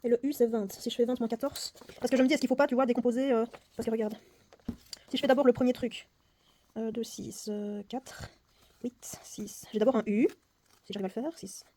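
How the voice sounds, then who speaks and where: Now brisk, her warm, highish voice keeps a fairly even line while she tackles the puzzle on camera, thinking out loud. She jokes at her own expense and whispers numbers under her breath as she counts.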